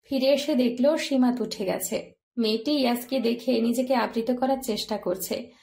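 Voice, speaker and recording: A woman narrating a romance story in a soft, even storytelling voice. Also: a little high, normal speed, gravelly.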